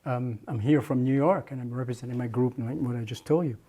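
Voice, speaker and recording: A man's voice: medium pitch, fast talker, dark tone. An older man from Jamaica, a muralist, recalling his past at length in an oral history interview, with many restarts and fillers.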